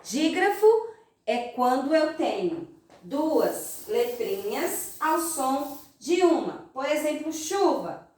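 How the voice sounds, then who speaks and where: Brazilian woman, primary teacher, high lively voice, unhurried, roomy echo, mic set back. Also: recorded from a distance. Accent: Brazilian Portuguese. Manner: slow, sing-song teaching voice for young children. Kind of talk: recorded remote class lesson.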